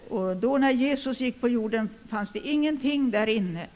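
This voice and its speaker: High-voiced older man preaching in a hall. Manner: emphatic, with sudden loud declarations. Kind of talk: sermon. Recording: long hall reverb.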